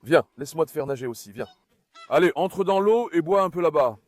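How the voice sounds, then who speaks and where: A man vlogging outdoors in a garden, calling and coaxing his puppies in a lively, animated way and talking to his viewers. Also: a little high, brisk. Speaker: dog breeder vlogger. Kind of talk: casual vlog talk to puppies and viewers.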